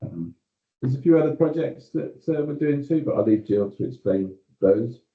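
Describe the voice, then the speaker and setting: A British man, a company executive, giving a staff meeting update on a video call, measured, with frequent ums and you-knows. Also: mid-range voice, expressive, roomy sound, narrow, tinny audio.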